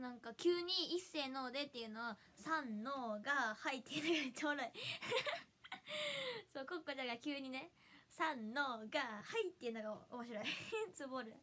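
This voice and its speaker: A giggly young woman with a Hiroshima accent chats on her livestream, reading out viewers' comments. Her voice sits high and sounds bright and sharp. She is bubbly and laughs often between sentences. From Hiroshima, Japan. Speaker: idol livestreamer.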